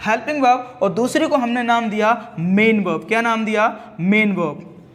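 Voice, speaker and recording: A man's voice: high voice, normal speed, a bit bright. Man, teacher, classroom lecture, repeats himself, asks questions and answers them, mixes in English terms.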